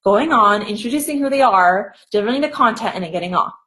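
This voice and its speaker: A woman's voice: medium pitch, expressive, fast, fairly bright tone, poor audio. A young adult woman speaking as an interview guest, talking in an earnest, motivational way and filling her sentences with "like" and "okay". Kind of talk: casual conversational interview.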